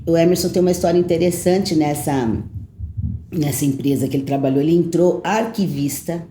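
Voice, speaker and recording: Mellow-voiced chatty woman in her fifties. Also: sits low, a little fast. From São Paulo, Brazil. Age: 50s. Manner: chatty, storytelling. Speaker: podcast guest. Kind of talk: casual conversational interview. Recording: roomy with faint noise.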